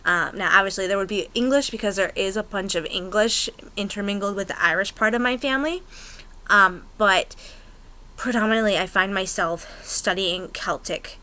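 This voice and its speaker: Young american woman rambling to her camera, bright voice, lots of ums, gets excited. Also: medium pitch, low-quality recording. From United States. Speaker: pagan vlogger. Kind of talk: casual chat to camera.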